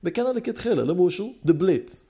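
A man's voice: sits high, expressive, quick pace, dark tone. Man teaching in a singsong study-hall lilt. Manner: singsong study-hall cadence, rising and falling; mixes Hebrew terms into his speech. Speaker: Torah teacher. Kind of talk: Yiddish-inflected Talmud lecture.

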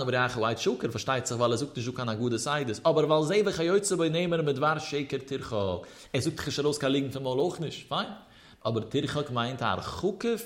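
A man with a fairly high voice leads a religious study lesson. He talks through the texts in a sing-song study cadence, his pitch swinging up and down as he explains. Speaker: Talmud teacher.

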